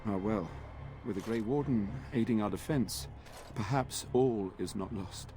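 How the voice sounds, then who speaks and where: An actor playing an earnest, weary knight in a video game, speaking in formal, courtly phrases. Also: male voice, on the low side, measured pace, warm tone, lightly acted. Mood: solemn. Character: earnest knight sworn to a noble lord, weary and dutiful. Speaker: game character.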